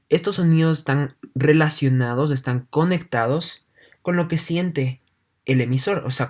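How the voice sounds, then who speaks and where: Guy teaching an online class, reads bits then explains them plainly, keeps saying "so" and "right?", calm pace. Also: medium pitch. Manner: leans heavily on "entonces" and checks in with "¿no?".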